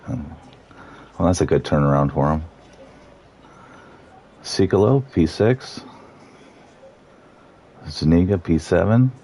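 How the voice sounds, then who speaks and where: Deep-voiced man calling a race grid. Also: slow pace, long pauses. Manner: reads out grid positions in a relaxed, joking way. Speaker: sim racing commentator. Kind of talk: live casual race commentary.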